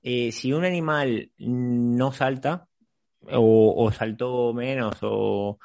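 A man hosting a conversational podcast, speaking haltingly and repeating words as he thinks. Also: mid-range voice, steady tone, creaky, darkish tone, no room sound, clean studio sound. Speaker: podcast host.

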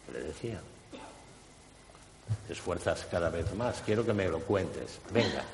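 A man leading a guided hypnosis session, slowly and insistently questioning someone about a memory. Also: low voice, animated, echoey room, long reverb tail, background noise.

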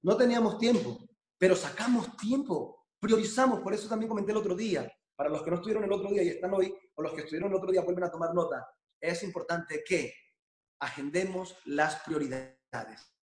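Male business trainer, high voice, emphatic and repetitive, echoey room. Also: a little fast, a little mellow. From Spain. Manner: emphatic, repeats phrases, asks for agreement. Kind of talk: motivational business training talk.

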